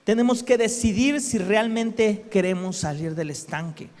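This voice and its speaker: A male preacher with a high-pitched but darkish voice gives an animated, unhurried sermon. He keeps things conversational, asking the congregation questions along the way, while the hall adds a long, echoing reverb.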